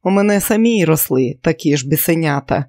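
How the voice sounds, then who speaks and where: A man's voice: fairly high pitch, lively intonation, fairly quick, darkish tone, dry recording, clean studio sound. A man voicing a cheerful, chatty older housekeeper in an audiobook.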